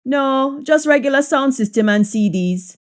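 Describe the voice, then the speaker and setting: A woman with a Jamaican accent giving a language lesson, deliberately saying and repeating practice sentences in Jamaican Patois. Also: high voice, lively intonation. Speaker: language teacher.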